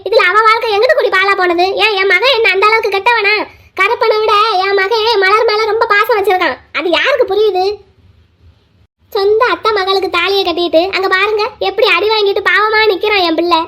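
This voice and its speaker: A woman with a very high voice performs a cartoon family drama. Her delivery is sing-song and dramatic, moving between mournful laments and sharp arguing. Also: fairly even intonation, brisk. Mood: argumentative.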